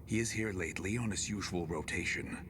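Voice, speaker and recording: Man acting a slow, ominous, deep-voiced doctor. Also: lightly acted. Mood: grave, ominous. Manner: slow, theatrical, ominous villain-like delivery. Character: weary male small-town doctor recording grim private notes. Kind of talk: dramatic video game monologue. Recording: strong noise over the voice.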